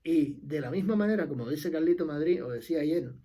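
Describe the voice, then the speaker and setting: Emphatic Cuban man with a mellow voice. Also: on the high side, animated, fairly quick. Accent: Cuban Spanish. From Cuba. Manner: emphatic, repeats key phrases, trails off at sentence ends. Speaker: political commentator. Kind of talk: impassioned opinion monologue.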